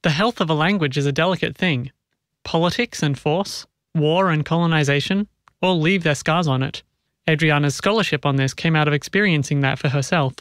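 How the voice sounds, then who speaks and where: A man interviewing a guest on radio, asking questions and reading scripted narration in a measured, clear way. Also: a little high, a bit bright, dry recording, studio quality.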